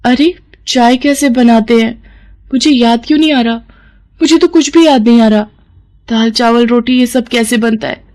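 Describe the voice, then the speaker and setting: A woman's voice: fairly high pitch, moderate pace, a little mellow, voice pushed up, lightly acted. A woman voicing an anxious, remorseful young sister-in-law in a cartoon, with a manner of rising panicky questions. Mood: panicked. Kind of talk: cartoon voice acting.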